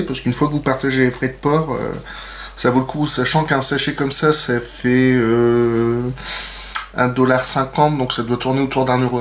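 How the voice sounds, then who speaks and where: A man talks viewers through a hands-on nail art demonstration in a relaxed, chatty way. He pads his sentences with fillers and throws in playful, self-mocking asides. His voice sits at a middle pitch over a faint background hiss. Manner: chatty, many fillers and "donc". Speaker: nail art tutorial host. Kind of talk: casual how-to demonstration.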